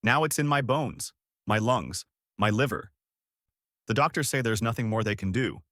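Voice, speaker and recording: A man's voice: fairly low pitch, animated, normal speed, fairly bright tone, no echo, clean studio sound. A man voicing a frail dying mother who pleads through tears, in a storybook reading. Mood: pleading. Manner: pleading, breaking with emotion. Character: dying young mother, weak and tearful.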